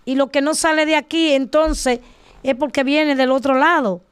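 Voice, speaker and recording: High-voiced woman teaching with emphasis. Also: fairly even intonation, normal speed. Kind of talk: casual faith discussion.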